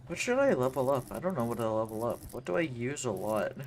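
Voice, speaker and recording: A man chats casually while playing a video game, musing out loud and second-guessing his moves. His voice sits at a middling pitch, with clear background noise from the room. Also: expressive, fast talker. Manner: musing, unsure, thinking aloud. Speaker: game streamer. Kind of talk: casual gameplay commentary.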